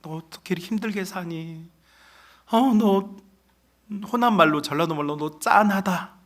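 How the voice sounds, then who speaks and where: Male preacher as a sweet-talking devil, quiet and falsely caring, a bit high. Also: normal speed, natural voice. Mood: pitying. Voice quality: soft, pitying, intimate.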